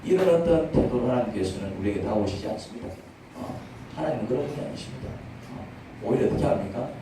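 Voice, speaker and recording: A man's voice: medium pitch, animated, quick pace, very echoey, far from the mic, noisy background. A male pastor preaching a sermon in a church, speaking conversationally and asking the congregation many questions. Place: church sanctuary.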